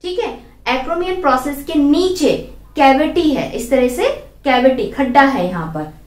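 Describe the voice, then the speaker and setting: A woman's voice: high-pitched, animated, measured pace, a little mellow. A young woman biology teacher explaining a diagram step by step, asking her students questions and answering them herself. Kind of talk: classroom lesson, drawing and explaining. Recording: echoey room.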